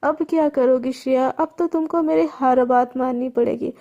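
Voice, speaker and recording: A woman's voice: high voice, steady tone, normal speed, warm tone, lo-fi sound. A woman voicing a scheming middle-aged father who taunts and mocks his captives. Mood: gloating. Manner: taunting, mocking.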